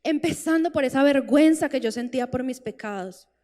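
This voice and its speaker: A woman preacher giving a heartfelt sermon testimony, slow pauses building to tearful pleading. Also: high-pitched, a little mellow. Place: church hall. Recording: long church reverb with faint music.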